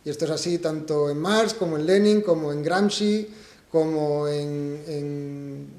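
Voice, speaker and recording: A man's voice: on the high side, a little slow, darkish tone, reverberant. A man from Spain presenting his book at a public talk, thinking aloud and posing rhetorical questions to the audience. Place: event hall.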